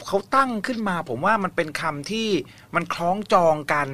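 A man's voice: high voice, animated, a little fast. A man hosting a ghost-story radio talk show, chatting casually and encouragingly with a caller, often humming along. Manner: warm, encouraging, many soft hums. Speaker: host. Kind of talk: casual chat.

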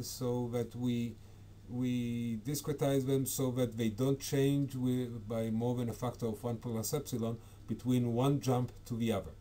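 A man's voice: medium pitch, warm tone, slight background noise. A man giving an academic conference talk over slides, hesitant, with frequent fillers and self-corrections. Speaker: conference presenter.

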